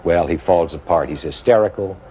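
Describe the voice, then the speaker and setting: A man's voice: low-pitched, fairly quick, warm tone, slight background noise. A man telling a joke as a story, who raises his voice to act out the characters' lines. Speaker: joke teller.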